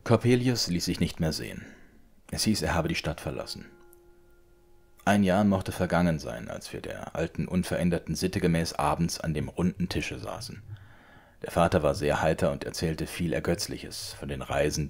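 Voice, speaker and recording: A man reading a classic tale aloud as an audiobook, in a measured, dramatic way. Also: very deep voice, gravelly, husky. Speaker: audiobook reader. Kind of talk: scripted literary narration.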